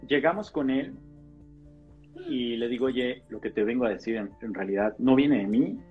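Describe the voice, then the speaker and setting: A man who is a pastor, sharing a personal testimony in a casual podcast conversation, animated and acting out the dialogue. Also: mid-range voice, normal speed. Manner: animated storyteller, acts out dialogue. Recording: slightly dull podcast audio with faint guitar music.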